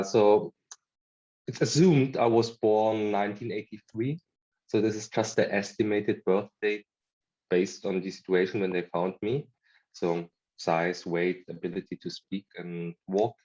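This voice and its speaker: A man speaks as an interview guest over a video call. His voice sits low and the call audio is dull and muffled. He explains things earnestly and step by step. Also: a little mellow. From Germany. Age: late 30s. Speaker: guest, adoptee association board member.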